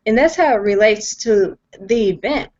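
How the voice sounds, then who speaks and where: On a video call from home, a young woman tells her story with earnest emphasis, often repeating herself and starting sentences over. Her medium-pitched voice is animated and a little mellow at a moderate pace. She is a guest giving personal testimony, and the call audio sounds dull and lo-fi.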